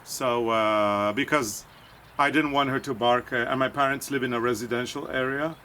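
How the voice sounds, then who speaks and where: A man's voice: mid-range voice, steady tone, normal speed, pushed and bright, a little hiss or hum. A man co-hosting a podcast, chatting casually and meandering with fillers and restarts. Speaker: podcast co-host. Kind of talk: casual chat.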